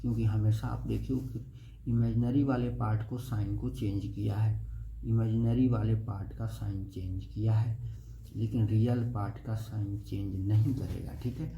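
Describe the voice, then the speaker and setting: A young man with a low, creaky, mellow voice and fairly even intonation explains a math lesson step by step at a moderate pace, often asking "okay?" The lo-fi recording was made in an echoey room with faint noise.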